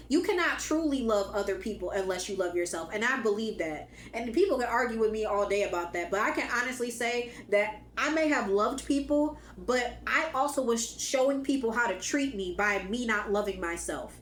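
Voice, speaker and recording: A woman whose voice is going hoarse gives an emphatic, casual spiritual pep talk to her viewers. She speaks, repeats her key lines and swears now and then. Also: on the high side, animated, normal speed, hardly any pauses, echoey room, slight background noise. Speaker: spiritual channel host.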